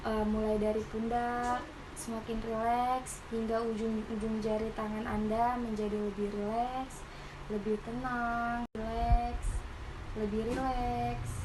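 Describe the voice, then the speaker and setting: A woman guides a hypnosis relaxation like a hypnotist, with soothing, repeated suggestions. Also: on the high side. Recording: clearly noisy recording with ambience.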